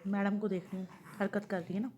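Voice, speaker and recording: Woman vlogger, mid-range voice, chatty home vlog, rambling thoughts out loud to viewers. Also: medium pitch, flat delivery, fast talker. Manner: rambling, thinking aloud to viewers.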